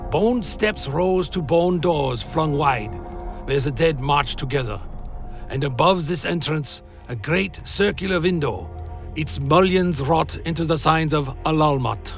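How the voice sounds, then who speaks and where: Male storyteller, solemn dark fantasy narration, gravelly edge, faint musical bed. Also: fairly high pitch, unhurried, faint music behind.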